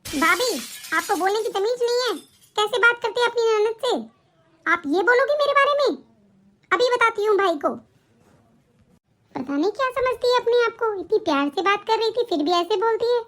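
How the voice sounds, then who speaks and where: A woman's voice: very high voice, animated, moderate pace, fairly bright tone. Woman voicing a scheming sister-in-law. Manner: sly, whiny. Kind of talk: animated cartoon voice acting.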